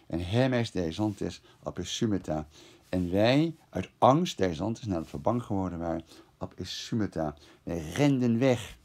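A man's voice: deep voice, gravelly, darkish tone, breathy edge. A man teaching a lesson, translating verse word by word and thinking aloud as he explains the grammar. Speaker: classics teacher.

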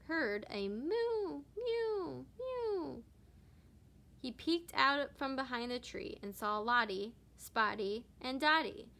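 Woman with a bright storybook voice. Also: a little high. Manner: expressive, animated narration. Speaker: teacher reading aloud. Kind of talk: storybook read-aloud.

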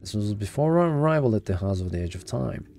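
A calm menacing worm creature, read by a man. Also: on the low side, creaky, a little hiss or hum. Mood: curt. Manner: cold, unhurried, speaks as "we". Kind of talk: reading game dialogue aloud.

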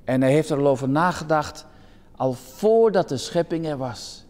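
A man's voice: fairly high pitch, expressive, moderate pace. Earnest male preacher in a ringing hall. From Netherlands. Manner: earnest, warm pastoral address with restarts. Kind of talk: sermon. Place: church hall. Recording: long church reverb.

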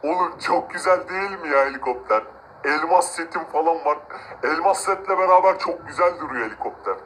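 A man's voice: a little high, fairly quick, a bit bright, a little hiss or hum, natural voice, rough recording. Man playing a gloating cruel rich guy. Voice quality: gloating, mocking laughs. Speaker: voice actor in a game-video drama. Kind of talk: amateur game role-play narration.

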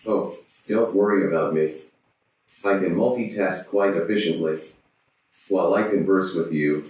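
A man's voice: low-pitched, darkish tone, lightly acted. A man doing a smug robot voice. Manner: pompous, says beep-boop noises. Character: smug male robot chatbot, boastful and pompous. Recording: very echoey, distant from mic.

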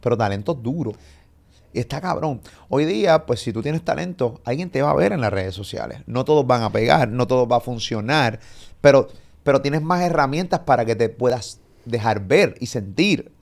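A middle-aged man hosts a casual chat. He talks in an animated way, swears freely and acts out quoted lines. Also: mid-range voice, normal speed, creaky. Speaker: podcast host.

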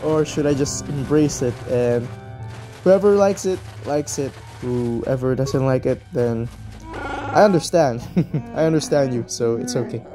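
A gaming YouTuber with a hoarse voice, rambling through casual gameplay commentary in a nearly empty room and laughing after almost every line. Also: medium pitch, a little slow, over music. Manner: laughs constantly as a habit; rambling, chatty rants. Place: mostly empty room as makeshift studio.

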